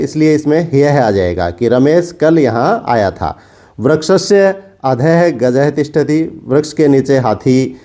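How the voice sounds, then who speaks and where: A male teacher, calmly explaining grammar by reading example sentences slowly and then translating each one. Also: mid-range voice.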